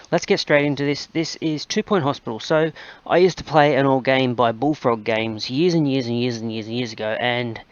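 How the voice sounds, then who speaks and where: A man's voice: medium pitch, clear, resonant tone, no echo, lo-fi sound. A man hosting a gaming channel, chatting casually and rambling with plenty of fillers as he plays. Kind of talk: casual gameplay commentary.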